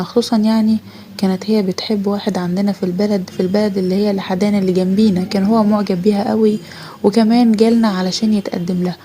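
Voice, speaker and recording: A woman's voice: mid-range voice, mellow, slight background noise. A middle-aged woman with an Egyptian Arabic accent narrating a first-person audio story in a confessional, dramatic way.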